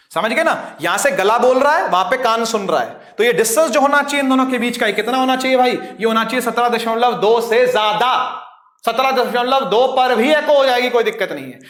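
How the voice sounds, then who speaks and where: A man's voice: very high-pitched, a bit bright. Man, physics teacher, patient, checks in with students, echoey room. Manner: explains patiently, addresses students as "beta" and keeps checking they follow. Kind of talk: online class lecture. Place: teaching at a board.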